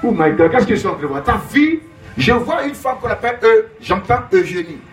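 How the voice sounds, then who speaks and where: A man's voice: high-pitched, animated, fairly quick, faint music behind. A man preaching as a prophet, emphatic and repetitive, calling out names and Alléluia in call-and-response.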